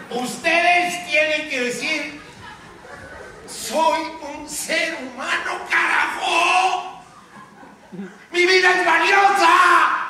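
A man's voice: very high-pitched, pushed and bright, slight background noise, exaggerated voice. A raging veteran newsman. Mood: rising anger. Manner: impassioned ranting monologue, exhorting the audience. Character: veteran male TV news anchor, furious ranting prophet. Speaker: stage actor. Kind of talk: live stage drama. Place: large theater stage, live performance. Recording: echoey theater from far off.

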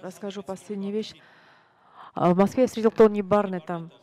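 A man preaching a sermon, telling stories in an earnest, halting way with frequent restarts. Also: high-pitched, fairly even intonation, mellow. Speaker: pastor. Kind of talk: sermon storytelling.

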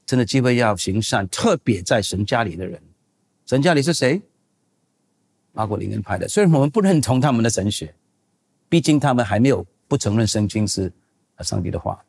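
Older male pastor for a Q&A session: husky, a bit raspy, talks in a loose and rambling way and leans on points for emphasis. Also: on the low side, expressive, a little fast, long pauses, a little mellow. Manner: conversational, digressive, emphatic. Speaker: pastor and seminary teacher. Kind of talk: answering audience questions in a Q&A.

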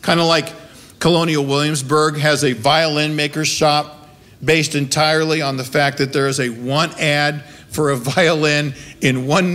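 An American man, middle-aged or older, preaches at the pulpit of a small wooden-walled church into a gooseneck microphone. His voice is fairly high and fairly bright, and his sermon is conversational yet emphatic, with rhetorical questions.

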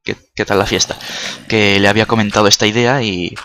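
A gaming video creator, not a native Spanish speaker, gives casual let's-play commentary, chatty and jokey, swearing often and breaking into startled outbursts. His lowish voice is steady in tone, a little fast, and pushed and bright.

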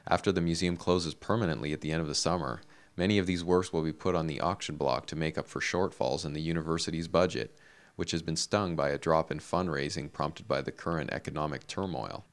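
A male reporter narrates a local news story in a measured, even way. His voice sits very low. The reading is scripted and steady.

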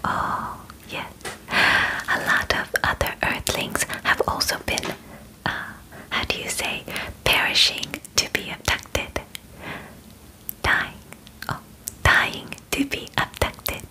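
In this whispered ASMR roleplay, a woman in her twenties becomes a formal, polite alien medical examiner who stays matter-of-fact. Her breathy, soft voice moves gently and haltingly in measured, formal phrases with short pauses. The small bedroom recording has poor audio.

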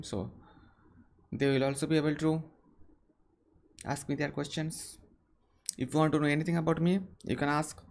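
On a webcam in a small room, a young Indian man who hosts an English-learning channel answers viewer questions live. His voice sits on the high side, and he talks earnestly but haltingly, often starting his sentences over.

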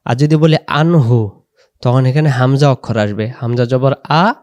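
A man teaching correct recitation, patiently spelling out letters and vowel marks, then reciting slowly with long drawn-out vowels. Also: medium pitch, mellow, smooth, no room sound. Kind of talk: slow pronunciation lesson.

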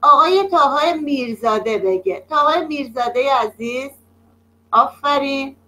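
High, bright-voiced woman teaching kids online. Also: expressive, rough recording. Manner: slow, patient and praising, drawing words out. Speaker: primary school teacher. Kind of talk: online class. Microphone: video call.

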